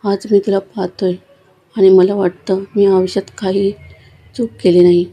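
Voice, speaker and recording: A woman reading a gentle, loving elderly father's lines in a storybook tale, in a tender voice. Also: medium pitch, flat delivery, normal speed, husky.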